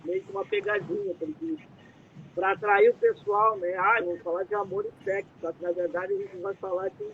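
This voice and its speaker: In a dim room, a Brazilian man hosts a relaxed live stream, speaking at a moderate pace in a sing-song voice with a Brazilian Portuguese accent. His talk meanders with lots of fillers. He's using his computer mic with the headset removed, so the sound is muffled and lo-fi, with a faint rumble.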